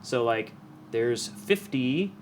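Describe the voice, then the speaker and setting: An animated man with a mid-range voice takes a slow pace while explaining hands-on audio work in an informal, demonstrative style, often confirming the listener is keeping up. There's slight background noise and music playing behind him.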